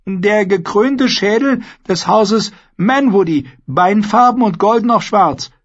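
A man's voice: high-pitched, lively intonation, pitched above the performer's own voice, heavily acted. A man voicing a nervous, eager young male squire who talks shyly and hurriedly, in a storybook reading. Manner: shy and hurried, gaining confidence. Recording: dull lo-fi audiobook recording.

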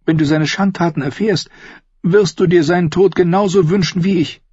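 A man voicing a scheming, pleading queen in a raised falsetto for an audiobook. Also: moderate pace, a little mellow, breathy edge, no echo. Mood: insistent. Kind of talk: audiobook reading. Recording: dry, dull close recording.

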